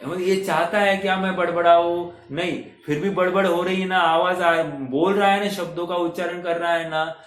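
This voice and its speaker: A man's voice: high voice, little pitch movement, moderate pace, few pauses, a bit bright. A man giving a conversational scripture talk to an audience, often checking that they understand and mixing in English words. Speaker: Jain scripture teacher. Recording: echoey room, faint ambient noise.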